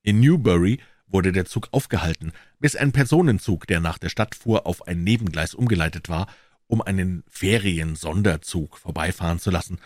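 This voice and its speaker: A man narrating an audiobook in an expressive, lively reading style. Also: deep voice, moderate pace, no room sound, studio quality. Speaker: audiobook reader.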